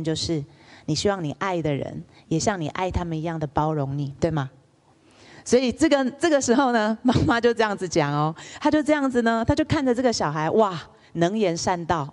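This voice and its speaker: Woman, lecturer, storytelling, rhetorical questions, slightly low voice. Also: brisk. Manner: lively storyteller, asks the audience rhetorical questions.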